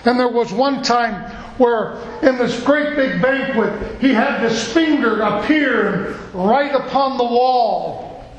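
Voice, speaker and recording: High-voiced preacher in an echoey church. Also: male voice, slow pace, highs cut off. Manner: earnest, storytelling. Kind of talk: sermon.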